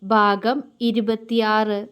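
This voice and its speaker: Woman storyteller, scripted story narration, slow, emotional, fairly high voice. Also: level tone, fairly bright tone, smooth.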